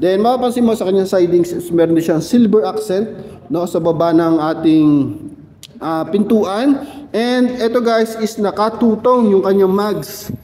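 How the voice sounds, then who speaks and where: In a showroom, a talkative car salesman walks viewers through a vehicle in a high, mellow voice at a moderate pace, often ending sentences with little questioning asides. The hard walls give his words a long reverb, and there's slight background noise.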